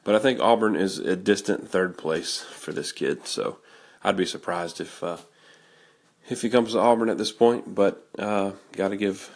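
A man hosting a casual podcast, talking in a nasal, raspy voice, rambling with fillers and restarts. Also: fairly low pitch, no room sound. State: hoarse. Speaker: podcast host. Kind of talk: casual solo talk.

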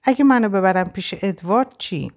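A woman's voice: medium pitch, animated, a little mellow, natural voice. A woman voicing a frightened young Frenchwoman who stubbornly refuses to run, her lines anxious and insistent, in an audiobook.

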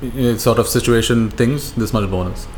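In a casual podcast chat, an Indian-accented male co-host with a medium-pitched, slightly mellow voice speaks at a moderate pace. He gives an animated retelling full of slang and profanity, repeating himself for emphasis, with roomy echo and faint noise in the background.

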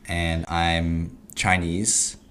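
Young man, podcast guest, low pitched, faint background hiss, hesitant fillers. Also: completely flat delivery, a bit bright. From California, USA. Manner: halting, laughing, full of ums and likes. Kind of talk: casual chat.

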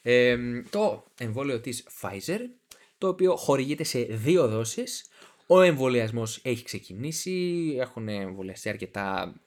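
Joking young podcast host. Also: male voice, mid-range voice, expressive, a little mellow. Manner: joking, teasing, talks over his partner. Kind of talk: casual chat.

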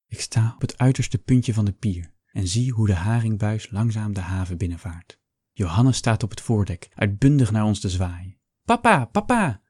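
A man reading a first-person story aloud in a calm, measured storytelling manner. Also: lowish voice, husky, dry recording, clean studio sound. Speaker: audiobook narrator. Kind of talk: scripted first-person narration.

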